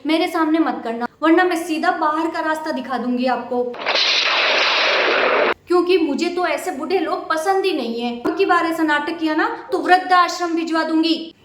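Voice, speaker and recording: A woman playing a blunt, sharp-tongued young wife who scorns the elders of the house. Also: very high-pitched, normal speed, echoey room, noisy background. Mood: scornful.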